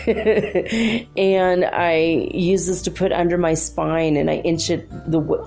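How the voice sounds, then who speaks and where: A woman's voice: fairly low pitch, warm tone. A woman chatting informally and ramblingly on a solo podcast as host, quoting her own thoughts, with a thick, swollen-throat sound to her voice.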